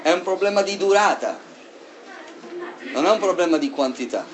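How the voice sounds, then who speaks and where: A man preaching a sermon in an animated way, swinging between loud emphasis and soft asides. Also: sits high, normal speed, slight background noise.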